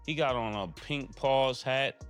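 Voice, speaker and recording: Diplomatic male co-host, medium-pitched. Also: a little slow, fairly bright tone, clean tone, faint music behind. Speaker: talk show co-host. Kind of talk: conversational panel talk.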